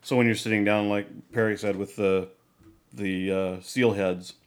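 A man co-hosting a casual podcast chat, talking in a measured, meandering way. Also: lowish voice, fairly even intonation, clear, resonant tone. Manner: measured, many fillers and restarts. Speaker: podcast co-host.

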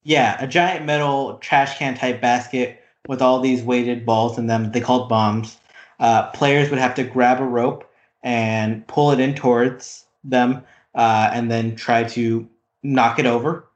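A man's voice: medium pitch, a little slow, highs cut off. A man co-hosting a podcast, recapping a reality competition in casual chat, rambling with lots of fillers. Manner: rambling, many "like" fillers, animated retelling. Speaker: podcast co-host. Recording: roomy echo.

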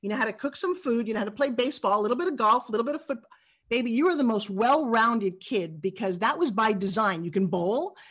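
A middle-aged woman from New York, a guest in an interview, telling stories in a quick and expressive way. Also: on the high side, breathy edge. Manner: animated storyteller, quick and expressive. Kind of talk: interview conversation.

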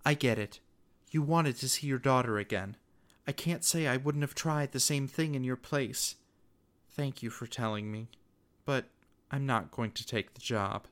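A man voicing a kind, resolute woman in a dramatic story, speaking in a gentle, earnest and composed way. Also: mid-range voice, unhurried, close to an everyday voice. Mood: gentle resolve. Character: resolute, kind woman, a newly dead mother.

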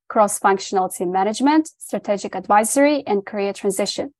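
This woman has a fairly high, somewhat dark voice, recorded with no room sound. As a podcast host, she reads guest introductions and asks interview questions in a polite, upbeat manner from a script.

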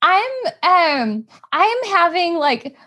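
High-voiced woman thinking aloud. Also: sing-song, extremely slow, bright, forceful tone. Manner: hesitant, reflective, many fillers. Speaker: podcast co-host, fertility doctor. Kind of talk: casual podcast chat.

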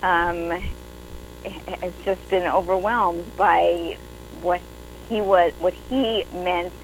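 A woman with a New York accent, a guest in an interview, talking warmly with lots of fillers. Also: on the low side, steady tone, extremely slow, slight background noise, poor audio. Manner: chatty, many fillers, warm. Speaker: actress and writer guest. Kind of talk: interview conversation.

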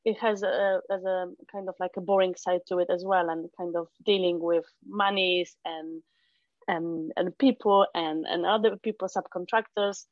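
Her voice lowish, a middle-aged woman from Poland speaks casually as an interview guest about the kids' arts venue she founded, hesitating often with restarts and "um." She has a Polish accent. The recording is muffled and has no echo.

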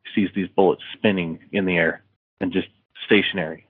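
A man's voice: low voice, fairly even intonation, a little fast, husky, no echo. A man, an author being interviewed, casually retelling a story with many fillers and restarts. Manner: rambling with many fillers and restarts, acting out dialogue. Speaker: author guest. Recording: dry phone-like line.

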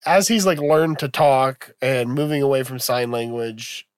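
Man, medium pitch, casual podcast chat, teasing, laughs a lot, dry sound. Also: a little slow, smooth, no echo. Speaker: podcast co-host.

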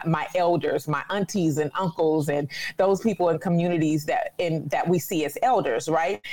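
A woman's voice: sits low, a little mellow. A woman in her forties from California, speaking earnestly and reflectively in a conversational interview. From Sacramento, California.

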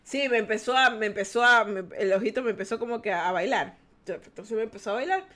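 A young woman with a high, bright-toned voice talks through a personal story on her podcast. She is animated and theatrical, slipping into little voices for the people she quotes. She speaks frankly and sometimes catches herself after a swear word. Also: fast talker. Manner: frank, swears then self-censors. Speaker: podcast host. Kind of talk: casual storytelling chat.

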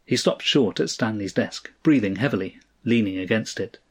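A man narrating a story in a measured, even storytelling delivery. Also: on the low side, husky. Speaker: audiobook narrator.

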